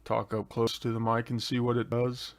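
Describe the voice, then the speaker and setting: On his live stream, a man fields viewer questions about engine tuning individually, in an easygoing, talkative way. His voice is medium-pitched and monotone, at a moderate pace. He speaks into a desk microphone, which he adjusts mid-show.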